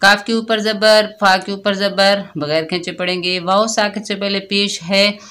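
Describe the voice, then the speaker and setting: A woman's voice: mid-range voice, fairly even intonation, normal speed, a bit bright. A woman teaching Quran recitation, patiently explaining each letter step by step.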